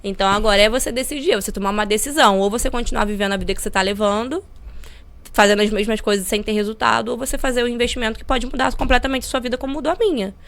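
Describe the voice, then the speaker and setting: A young adult woman, a guest on a podcast, explaining her sales method in an energetic and persuasive way. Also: fairly high pitch, racing. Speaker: podcast guest, digital marketing affiliate. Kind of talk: podcast interview.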